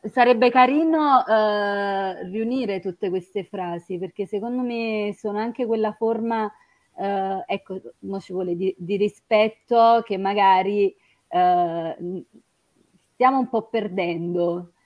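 A woman with an Italian accent, hosting a casual chat and talking in a chatty, halting way with many fillers. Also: mid-range voice, a little mellow, no room sound. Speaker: host.

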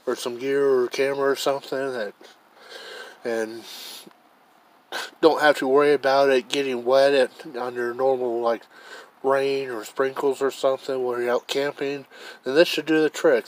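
Holding a camera in one hand, a man talks his way through a casual gear review outside on a deck. He's plainspoken and meandering, thinking out loud in a mid-range voice on a rough recording.

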